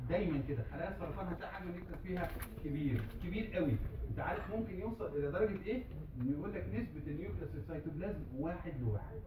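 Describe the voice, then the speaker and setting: A man with an Egyptian Arabic accent giving a classroom lecture, asking the class questions and answering them himself, repeating key terms slowly. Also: a little high. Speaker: medical lecturer. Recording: roomy, distant, noisy hall recording.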